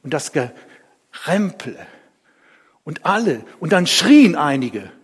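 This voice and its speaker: A man giving a dramatic first-person biblical monologue, vivid and emotional, moving between hushed and loud. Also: a little high, sing-song, takes it slowly, slightly rough. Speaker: storyteller. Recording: reverberant hall.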